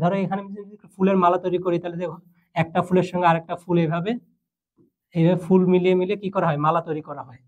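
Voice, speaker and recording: Young male tutor from Bangladesh, higher voice, patient and explanatory, with frequent fillers. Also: a little mellow. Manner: patient, explains step by step with fillers and mixed English. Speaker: English teacher. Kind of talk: classroom lesson explanation.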